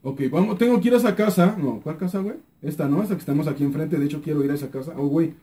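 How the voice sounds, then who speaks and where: Talking at a racing pace in a slightly high voice, this young Mexican YouTuber comments on his gameplay with a Mexican accent. He gets excited, curses without restraint, and keeps muttering the same words to himself.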